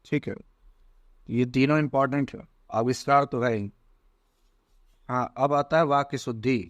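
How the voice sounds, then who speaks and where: A man teaching as he goes through an exam paper, slow and deliberate, often checking in with "theek hai". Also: medium pitch, steady tone, dry recording. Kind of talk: exam paper walkthrough lesson.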